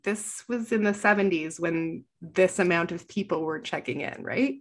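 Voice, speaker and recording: A woman's voice: lowish voice, moderate pace. A woman interviewing an older man for an oral history, encouraging him with short follow-up questions.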